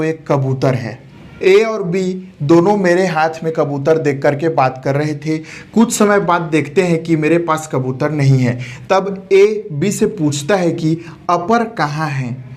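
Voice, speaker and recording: A man with a somewhat high voice gives a patient grammar lesson. He explains each term step by step, repeats key words, and asks rhetorical questions before answering them himself. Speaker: Hindi grammar teacher.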